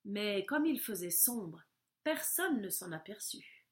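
Slow, gentle woman reading a storybook. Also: mid-range voice. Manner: gentle, measured, expressive.

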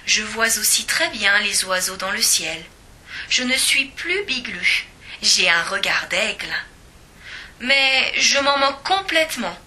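A woman reading a children's storybook aloud in a lively, expressive way. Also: medium pitch, slow pace.

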